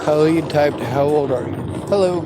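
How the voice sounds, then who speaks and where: A man in his forties from the western United States answers viewer questions on his vlog, swearing and bitter throughout an angry unscripted monologue. His fairly high voice moves at normal speed, with heavy background noise.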